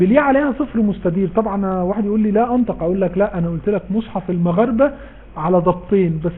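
A man's voice: high voice, husky. A man with an Egyptian Arabic accent teaching Quran recitation rules in a live online class, explaining patiently and answering his own questions. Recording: tinny phone-like line with faint background noise.

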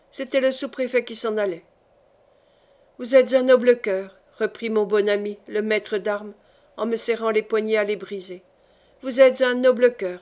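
A woman reading a classic novel aloud as an audiobook narrator, in a measured, expressive way, lightly voicing the characters. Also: on the high side. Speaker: audiobook reader.

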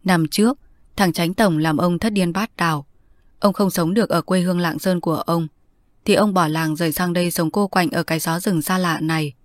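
A woman narrating a novel in a steady, measured storytelling manner. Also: on the low side, dry recording, studio quality. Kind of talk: audiobook narration.

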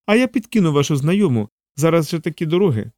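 Man doing a bright eager teenage delivery boy, raised pitch. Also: big pitch swings, fast, no room sound, clean studio sound. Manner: cheerful and eager. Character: eager young male courier, about eighteen.

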